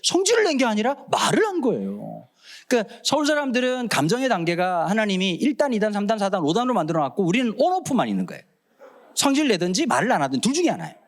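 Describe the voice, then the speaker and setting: A man's voice: high-pitched, fast. A man in his forties with a Busan accent, preaching a humorous sermon in church, acting out quoted voices as he tells stories. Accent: Gyeongsang (Busan). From Busan, South Korea. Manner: animated storytelling, acts out quoted voices, jokes. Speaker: pastor. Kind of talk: humorous sermon at a prayer meeting. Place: church sanctuary.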